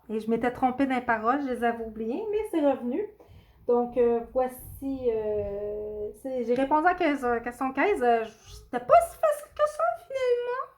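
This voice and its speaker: Chatting through a video tag, the host of a coloring channel stops often to collect her thoughts, filling gaps with hesitant fillers. Her pitch runs slightly above most women's, and she tends toward self-deprecating, apologetic remarks.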